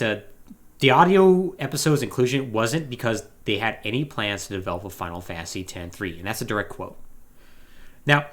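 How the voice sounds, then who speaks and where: An animated podcast host chats casually about video games, often slipping into sarcastic asides. The pitch ranges widely around a middle register.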